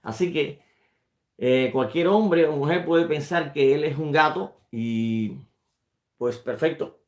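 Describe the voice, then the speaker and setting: The rabbi's voice runs on the high side and reverberates as he delivers an unscripted lesson to his study class. His speech is halting, with words repeated as he reaches for the next one.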